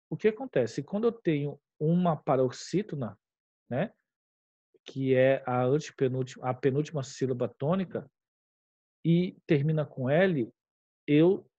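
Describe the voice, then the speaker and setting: A man's voice: on the high side, warm tone, dry recording. A man with a Brazilian Portuguese accent, a teacher walking through a grammar exercise and checking in with his class as he goes. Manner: explanatory, checks in with "tá?" and "tudo bem?". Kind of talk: grammar lesson walkthrough. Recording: dull lo-fi recording.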